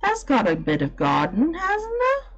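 A woman voicing a cheerful farm boy who talks to birds, in a broad with a gentle, friendly manner, in a storybook reading. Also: high-pitched, wildly swooping pitch, a little slow, highs cut off, voice pushed up, exaggerated voice.

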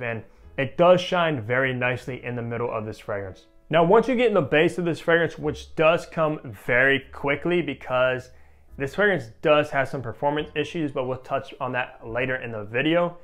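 A young man in his twenties casually reviewing a fragrance, animated and enthusiastic, with a lot of "like" fillers, on a clip-on mic. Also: mid-range voice. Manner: animated and enthusiastic, many "like" fillers, gestures with a test strip. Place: room with shelves of perfume bottles. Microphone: small clip-on mic on shirt.

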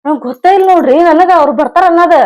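A woman's voice: high-pitched, very fast, darkish tone, muffled recording. A woman with a North Karnataka accent, acting a wife in a comedy sketch, scolding and complaining. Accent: North Karnataka Kannada.

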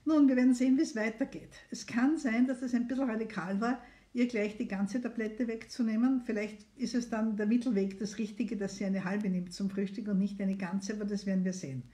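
Speaking a little fast at a medium pitch, she has a steady, dark tone. She's a middle-aged doctor hosting a live call-in consultation stream, relaxed and chatty as she urges viewers to phone in.

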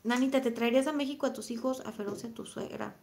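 Mexican woman, thirties, reflective live-stream chat, repeats phrases, a touch high-pitched. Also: fast talker, darkish tone. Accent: Mexican Spanish. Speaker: vlogger reading live chat.

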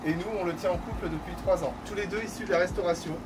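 A man runs down what his food truck offers in short, clipped phrases, his voice muffled by a face mask. He speaks in a fairly high register. He sits well away from the mic outdoors, with plain traffic noise around him. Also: fairly even intonation, racing. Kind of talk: presenting his business to a vlogger. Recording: distant mic, street and engine noise.

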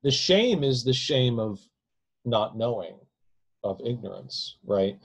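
A man in his forties lectures casually and discursively into a close webcam from a home room with bookshelves, often tacking "right?" onto his points. His mid-pitched voice is expressive and slow, with vocal fry and a slightly rough edge.

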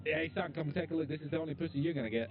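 A man's voice: on the high side, rapid-fire, close to an everyday voice. A man playing Michael, a cocky, foul-mouthed middle-aged criminal dad, in improvised comic game roleplay. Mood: irritated. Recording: muffled game voice chat, music behind.

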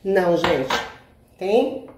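Speaking extremely slowly in a lowish voice with lively intonation, a Brazilian cooking channel host chats casually through a home cooking tutorial. She keeps checking in with "tá?" and addresses viewers as "gente." She's off-camera in an indoor home kitchen, where the camera mic picks up echo and background noise.

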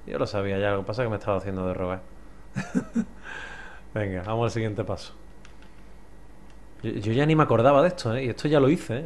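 A young man from Spain with a Spanish accent, playing a puzzle game and thinking out loud. His voice sits at an ordinary middle pitch, and he mutters, curses freely and snaps into loud frustrated shouts. A faint hiss of noise sits under the recording. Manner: swears a lot, mutters to himself, bursts into frustrated yells. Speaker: gameplay commentator. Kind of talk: let's play commentary.

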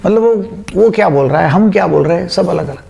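A middle-aged man talks through his points like a friendly doctor addressing viewers. His voice sits high and carries a rough, gravelly edge. He leans on everyday examples to make each point land. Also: animated, fast talker, warm tone. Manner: conversational explaining, with homely jokes and examples. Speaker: doctor giving a talk. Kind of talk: informal lecture to camera.

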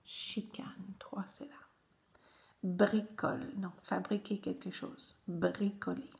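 A woman's voice: medium pitch, little pitch movement, slow, vocal fry, a little mellow, whispered. A woman teacher, patiently guiding young children through a reading lesson and repeating each word several times.

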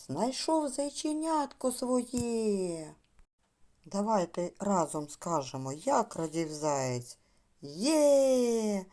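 A woman giving a speech lesson to small children, talking in a slow, sing-song way. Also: lowish voice, mellow. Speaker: preschool speech teacher.

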